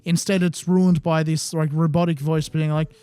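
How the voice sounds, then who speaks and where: A man's voice: a little high, little pitch movement, moderate pace, dark tone, clean tone, no echo. A man co-hosting a casual gaming podcast, chatty and exasperated, with some swearing. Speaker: podcast co-host.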